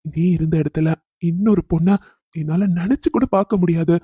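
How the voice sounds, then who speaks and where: Cartoon: tender widowed policeman, very dark, breathy voice, performer doing him. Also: medium pitch, moderate pace, no room sound, lightly acted. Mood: grieving. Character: grieving young police husband, tender. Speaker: widowed father. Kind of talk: cartoon voice acting.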